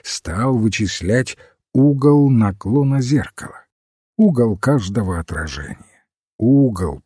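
A man narrating an audiobook in a measured, even storytelling manner. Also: lowish voice, husky, dry recording, clean studio sound. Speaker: audiobook reader. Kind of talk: scripted narration.

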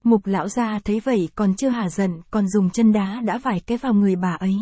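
Lady reading a story out loud, mellow fairly high voice, dry close sound. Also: quick pace, breathy edge, dry recording. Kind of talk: read-aloud story narration.

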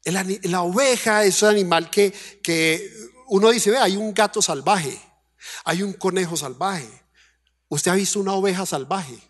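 A Colombian man preaching a sermon as pastor, asking the congregation questions and acting out quoted voices. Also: moderate pace. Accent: Colombian Spanish. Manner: acts out quoted voices in a high, fretful tone.

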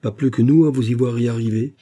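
A man reading an audiobook and voicing a composed companion who answers with crisp retorts. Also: medium pitch, steady tone, fast talker, dark tone, pitched above the performer's own voice, close to an everyday voice. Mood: retorting.

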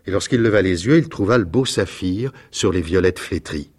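A man reading a children's tale aloud in a measured, expressive storybook manner. His voice sits in a lowish register and keeps a steady, even pace. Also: slightly rough.

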